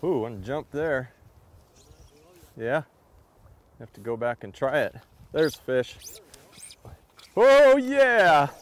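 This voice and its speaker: A man's voice: a little high, animated, extremely slow, pauses often. A man fishing alongside a friend outdoors on a river, chatting casually with enthusiastic remarks. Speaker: fishing companion. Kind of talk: casual chat while fishing.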